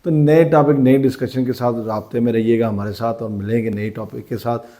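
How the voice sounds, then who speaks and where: A man's voice: medium pitch, fairly even intonation, mellow. Male interview host, Pakistani Urdu accent, deferential and agreeable. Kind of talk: interview and show sign-off.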